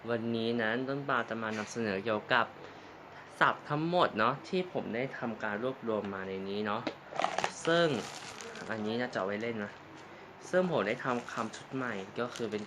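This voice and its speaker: A young man giving a casual vocabulary lesson, calling out each word twice, loudly. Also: lowish voice, lively intonation, moderate pace, background noise. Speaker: language teacher vlogger.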